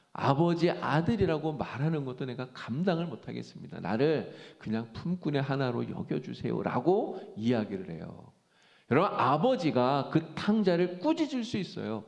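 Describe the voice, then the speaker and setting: A man pastor preaching a sermon in a church, animated and acting out quoted speech. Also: mid-range voice, gravelly. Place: church sanctuary. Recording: church hall reverb.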